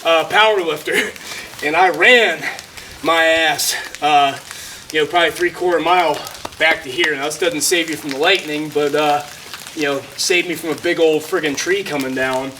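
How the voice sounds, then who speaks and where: Sheltering from a thunderstorm in a shallow cave in the woods, a hiker filming a vlog rambles through a hiking story to camera, loaded with fillers. His fairly high voice moves at a moderate pace and echoes off the rock. The distant mic picks up loud, heavy rain.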